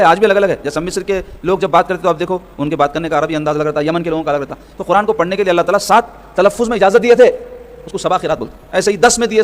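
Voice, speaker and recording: A man delivers a religious lesson in sermon style. He explains each point patiently, repeats key phrases and keeps asking his listeners questions. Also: high voice. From Hyderabad, South India. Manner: explanatory, repetitive, asks rhetorical questions. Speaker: religious scholar teaching hadith.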